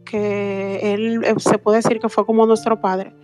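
A woman in her thirties giving a personal account in an interview, speaking earnestly with halting restarts. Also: mid-range voice, level tone, a little mellow, soft background music. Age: 30s. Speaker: interview guest. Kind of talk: personal testimony.

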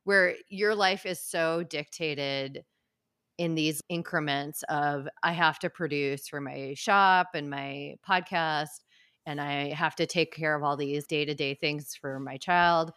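Deep-voiced playful woman co-host. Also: slow pace, smooth, no echo, studio quality. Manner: playful, animated, curious. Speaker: podcast co-host. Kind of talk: casual podcast chat.

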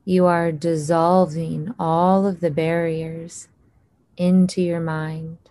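A woman leading a guided hypnosis meditation in a slow, soothing voice with long pauses. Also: lowish voice, little pitch movement, dark tone, no echo.

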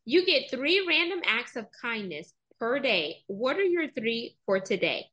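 Bright, upbeat woman host. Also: a little high, unhurried, lo-fi sound. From Texas, US. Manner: energetic, upbeat, playful. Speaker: podcast host. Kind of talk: upbeat interview hosting.

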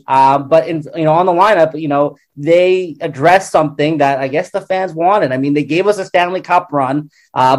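Man with higher voice analysing sports. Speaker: panel guest, hockey commentator.

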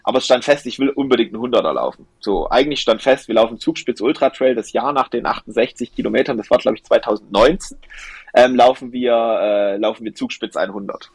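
In this relaxed interview, the podcast guest, a young ultra trail runner, tells an excited, meandering story about running, stumbling over fillers and starting over often. He speaks at medium pitch, fairly quickly, with a breathy quality and no echo.

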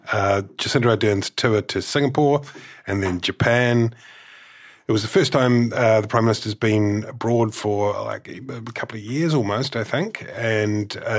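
Low-voiced host with a dry wit. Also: male voice, no room sound. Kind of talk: casual political chat.

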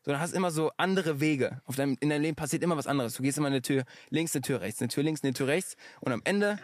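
A man's voice: fairly high pitch, fast, no echo, studio quality. A man talking in a casual podcast conversation, reflective and sometimes searching for his words. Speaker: podcast guest.

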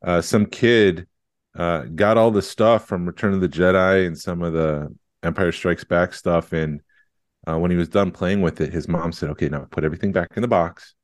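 A man's voice: deep voice, fairly even intonation, moderate pace, no room sound, studio quality. A man co-hosting a podcast, chatting casually and telling a rambling story. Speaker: podcast co-host. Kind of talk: casual chat.

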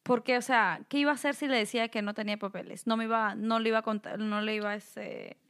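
A young woman from Peru, co-hosting a casual podcast chat and telling stories with lively, acted-out quotes. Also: a little high, fast, vocal fry, smooth. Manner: animated storyteller, acts out quoted voices. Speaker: podcast co-host. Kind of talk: casual conversation.

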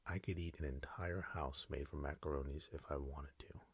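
A greedy, boastful winged snake, as a man whispers him. A whispered role-play in a very low, husky voice. The hush stays close and dry. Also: steady tone, moderate pace, no echo, heavily acted. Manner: demanding, boastful.

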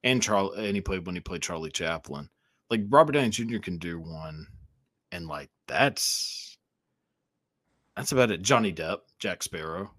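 A low-pitched man with a standard American accent, hosting a casual comedy podcast. His intonation moves around a lot, and the sound is close and dry. He tends to double up on short phrases. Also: animated, normal speed, fairly bright tone, no echo. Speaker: podcast host.

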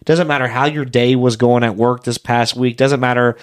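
A man's voice: medium pitch, steady tone, normal speed, clear, resonant tone. A man co-hosting a casual podcast, telling stories in a rambling, enthusiastic way. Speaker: podcast co-host. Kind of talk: casual chat.

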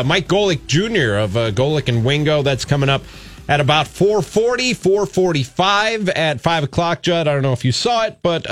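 A man's voice: fairly high pitch, fairly bright tone. A man with an American accent chatting as a sports talk radio host in a conversational, earnest way.

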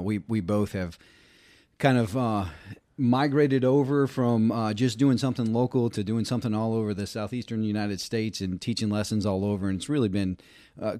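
A man in his forties, co-owner of a bike school, talking in a laid-back way with drawn-out uhs on a podcast. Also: on the low side, dark tone, no echo, clean studio sound. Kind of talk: casual podcast chat.

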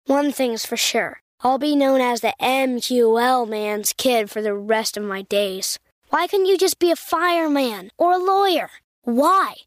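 A woman's voice: high voice, expressive, unhurried, no room sound, studio quality. A woman reading a scripted comic ad, complaining in an exasperated way. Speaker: ad voice as a child complaining about her dad. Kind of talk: scripted ad read.

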